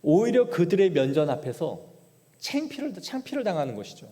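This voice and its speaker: A man's voice: high voice, sing-song, brisk, warm tone. A man preaching a sermon as pastor, retelling scripture in dramatic paraphrase. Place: church sanctuary. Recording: long church hall reverb.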